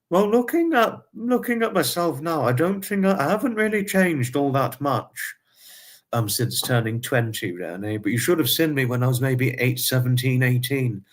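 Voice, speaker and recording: With a mid-range voice, a man in his twenties chats informally on a livestream. He repeats himself frequently and uses charmingly formal wording.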